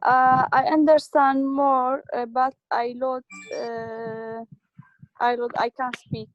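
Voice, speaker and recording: A woman's voice: high voice, flat delivery, slow pace, no echo, dull audio, faint music behind. A woman from Iraq learning the language, speaking hesitantly in broken phrases. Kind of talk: casual conversation.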